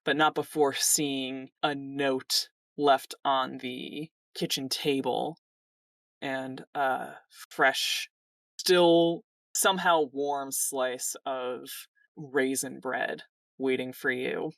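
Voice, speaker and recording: Woman gm, low and slow, dry sound, sits back from mic. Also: dry recording, recorded from a distance. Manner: calm, descriptive narration. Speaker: game master. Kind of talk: narrating a tabletop game.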